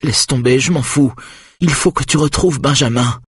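A man's voice: mid-range voice, animated, moderate pace, fairly bright tone, husky, no room sound, studio quality, voice pushed up. A man voicing a distraught young mother who pleads weakly through tears in an audiobook. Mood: desperate. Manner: breathless, pleading and tearful.

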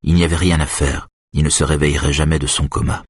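A male audiobook narrator with an extremely deep, gravelly-husky voice, reading calmly. The recording is close and bone dry, with no room sound at all. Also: fast, no room sound. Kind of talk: scripted narration.

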